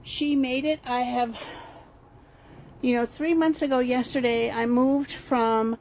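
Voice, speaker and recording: A woman's voice: on the high side, steady tone, slow pace, a little mellow, poor audio. A woman from Texas giving a casual, unscripted video tour as host, chatty, meandering and enthusiastic, filming by hand in a warehouse. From El Paso, Texas. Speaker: crystal shop owner and host. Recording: clear background ambient noise.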